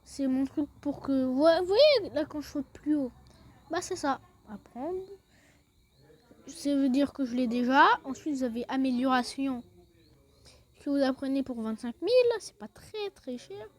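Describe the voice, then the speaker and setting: A woman's voice: high voice, animated, unhurried. A woman casually talking through a video game, explaining each step with small hesitations. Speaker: gaming video creator. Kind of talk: casual gameplay walkthrough.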